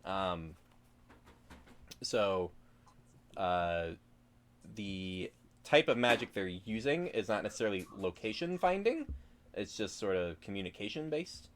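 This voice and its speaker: A man's voice: fairly low pitch, lively intonation, unhurried, pauses often, a little hiss or hum. A man acting as game master, improvising tabletop narration in a casual, hesitant, explanatory way.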